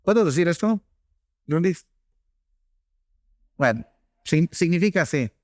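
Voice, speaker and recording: Middle-aged pastor preaching, chatty and anecdotal, with a high, expressive voice. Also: male voice, slow pace, no room sound, clean studio sound. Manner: anecdotal, conversational preaching with frequent asides to the congregation. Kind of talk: sermon.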